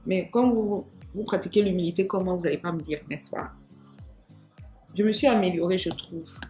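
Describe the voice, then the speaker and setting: A woman's voice: lowish voice, normal speed, mellow, soft background music. A woman chatting through a makeup tutorial in a playful, self-mocking way, speaking straight to her viewers. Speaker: makeup vlogger.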